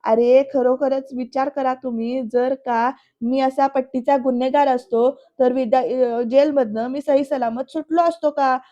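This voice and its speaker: A defiant middle-aged man from a TV serial, as a woman narrator reads him, hammering out his accusations slowly in village speech. The voice stays high and mellow. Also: steady tone, highs cut off. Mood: pleading. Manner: rustic village speech, slow and emphatic.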